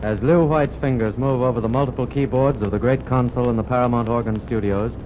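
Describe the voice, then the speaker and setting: Formal announcer on a muffled old radio broadcast. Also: male voice, medium pitch, steady tone, quick pace. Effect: old radio broadcast sound. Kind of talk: scripted program introduction. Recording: dull lo-fi old radio recording.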